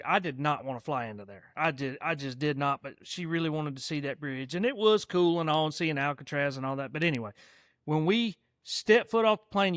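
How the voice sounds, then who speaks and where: A man's voice: fairly high pitch, fairly bright tone, dry recording, clean studio sound. A man hosting a podcast, chatting casually in a rambling, emphatic and profane way. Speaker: podcast host. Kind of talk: casual chat.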